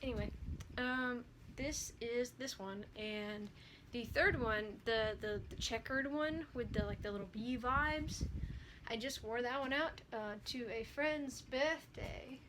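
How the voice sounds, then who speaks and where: A young woman vlogging in a loose, rambling chat, slightly higher-pitched than most women. She fills her talk with "like", giggles at herself and teases her own quirks. A steady hiss of background noise runs under the recording. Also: slow. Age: young adult. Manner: rambling, chatty, lots of "like" fillers; giggly, self-deprecating. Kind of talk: casual chat haul video.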